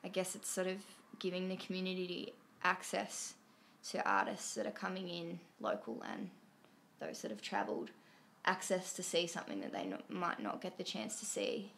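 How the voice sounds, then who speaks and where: A woman's voice: lowish voice, moderate pace, gravelly, a bit bright, slight background noise. A woman with a nasal voice, a guest musician in a casual chat, easygoing and thinking aloud as she talks.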